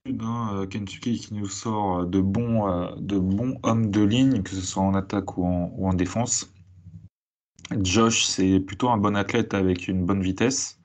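A man with a lowish voice gives casual scouting commentary as an analyst, halting and correcting himself and mixing English sports terms into his speech.

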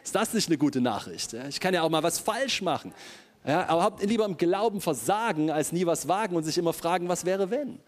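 Male preacher, high voice, lively, fervent sermon delivery with repeated phrases and direct appeals to the congregation. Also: a little fast. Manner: animated, addresses the congregation directly with repetitions.

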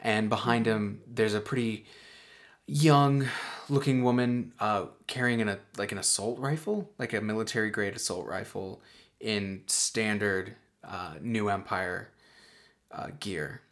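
A man's voice: fairly low pitch, measured pace, fairly bright tone. A man narrating a tabletop role-playing game as game master, describing scenes with many fillers and restarts.

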